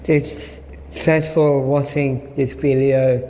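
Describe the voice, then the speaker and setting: A man hosts an eating challenge and chats slowly in simple, halting phrases. The room rings with a long echo, and faint noise sits under his voice. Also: mid-range voice, little pitch movement, warm tone. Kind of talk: casual chat.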